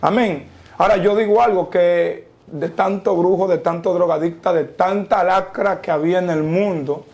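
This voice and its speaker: Slow and emphatic, a young Dominican Spanish-speaking man from the Dominican Republic shares his testimony with a preacher's cadence and scripture quoted at a careful pace. The voice is slightly high for a man, dark and mellow, with a gravelly fry where his phrases end.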